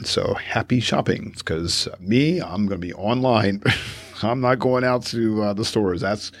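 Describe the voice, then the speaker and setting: A low, creaky man's voice with a breathy edge, recorded dry, hosts a casual podcast. He rambles through stories full of fillers and self-corrections, laughing often as he goes.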